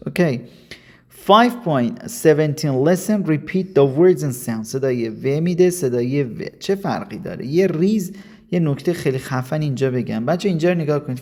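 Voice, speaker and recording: A man from Iran, teaching a casual video lesson and coaxing students while slipping in slow English. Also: a little high, vocal fry, dark tone.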